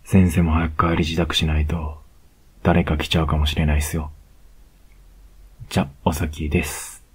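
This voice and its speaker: A man with a Kansai accent playing a cocky young male student who teases his teacher, in a whispered role-play with a slow, close murmur. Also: extremely low pitch, little pitch movement, slightly rough, heavily acted. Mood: teasing. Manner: slow, close, teasing murmur with soft laughs.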